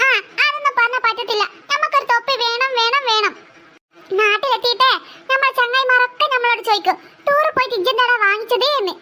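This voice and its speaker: Performer doing whiny stubborn cartoon boy, Malabar accent, very high and bright. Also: quick pace, exaggerated voice. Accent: Malabar Malayalam. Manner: whiny, pleading, wails when hurt. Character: stubborn little boy demanding a cap.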